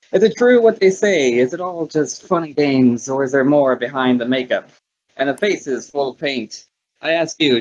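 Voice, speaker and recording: A man plays a flamboyant ringmaster sorcerer, calling out to the crowd in a booming, theatrical barker's voice with a light touch of acting. The lo-fi audio is muffled, with a little hiss or hum.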